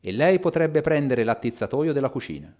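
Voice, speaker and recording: A loyal, frightened old butler, read by a man in an audiobook. He speaks with urgency and a pleading tone, his voice rising when he insists. The pitch sits in an ordinary middle male range. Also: very animated, fairly quick, a little mellow, natural voice. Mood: earnest.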